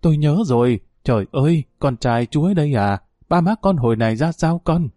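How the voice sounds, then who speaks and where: A man's voice: mid-range voice, expressive, normal speed, dark tone, no echo, studio quality, close to an everyday voice. A man doing a tender old countrywoman. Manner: exclaiming, then wistful.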